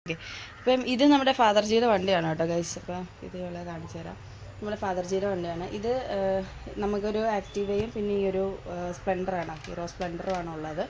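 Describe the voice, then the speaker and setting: Hoarse young woman chatting to viewers. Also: medium pitch, brisk, a little mellow, a little hiss or hum. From Kerala, India. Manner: chatty, with many "appam" and "aa" fillers, addressing viewers as guys. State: hoarse from a lingering cough. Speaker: vlogger. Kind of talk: casual home vlog. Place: at home, indoors and in the yard.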